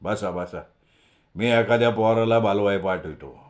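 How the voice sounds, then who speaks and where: A man voicing a poor, hospitable old village grandfather who talks slowly and low in rustic speech. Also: lightly acted.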